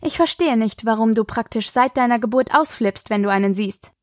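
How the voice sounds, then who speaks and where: A woman reading an audiobook, voicing a calm, dryly joking mother. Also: fairly high pitch, brisk, no room sound, studio quality, lightly acted. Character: wry, patient mother driving her daughters.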